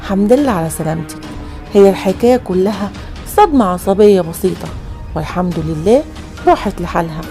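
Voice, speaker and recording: Woman voicing a calm, polite young doctor. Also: mid-range voice, quick pace, soft background music, close to an everyday voice. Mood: reassuring. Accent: Egyptian Arabic. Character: calm young male doctor reassuring a patient.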